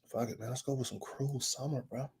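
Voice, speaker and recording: A man with a medium-pitched, steady, creaky, darkish voice talks briskly while hosting a daily online show. His livestream chat is casual, loose and slangy, with frequent laughter and a slightly scratchy throat, and faint music plays behind him.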